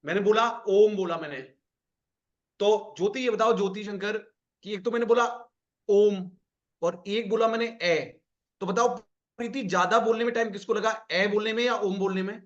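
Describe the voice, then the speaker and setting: A man's voice: high-pitched, moderate pace, lo-fi sound. A man teaching an online class, coaxing students, repeating each point and calling on them by name.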